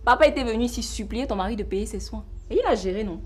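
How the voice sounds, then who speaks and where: A woman's voice: on the high side, animated, husky. A woman with a Cameroonian French accent playing a poor, defiant younger sister who demands help. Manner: brash, quick, defiant.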